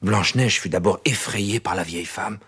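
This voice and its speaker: A man narrating a fairy tale in a measured, expressive storytelling manner, with soft music behind. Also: on the low side, husky.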